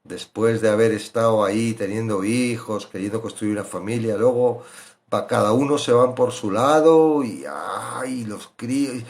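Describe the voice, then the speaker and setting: A man preaching a sermon, animated, swinging loud questions to hushed asides. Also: on the low side, a little slow. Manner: acts out biblical voices in quoted asides.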